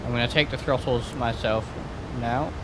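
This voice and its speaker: Guy doing chill flight sim commentary, talking himself thru procedures, normal pitch, plane noise behind. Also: fairly even intonation, moderate pace. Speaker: flight simulator streamer playing pilot. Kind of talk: casual gameplay commentary.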